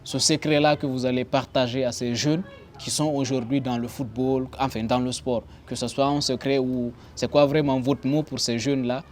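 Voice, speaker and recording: A man's voice: mid-range voice, steady tone, moderate pace, darkish tone. A young man with an ordinary mid-range voice conducts an interview. He offers brief encouraging acknowledgements, then asks long, meandering questions. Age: young adult.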